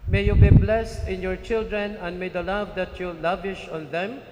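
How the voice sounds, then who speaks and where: A man serving as a priest, reciting wedding blessings in a measured, formal way, his voice carrying a cathedral echo through a large church. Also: high voice, fairly even intonation, heavy background noise. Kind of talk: liturgical blessing at a wedding mass. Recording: echoey church hall, faint ambience.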